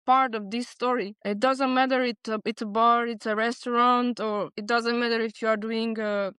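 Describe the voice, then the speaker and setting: A woman's voice: a little high, fairly even intonation, moderate pace, fairly bright tone, smooth, no echo. A woman in her forties from Transylvania, a Hungarian native speaker, talking earnestly and reflectively as a podcast guest. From Transylvania, Romania. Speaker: podcast guest, bar consultant. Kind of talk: casual interview chat.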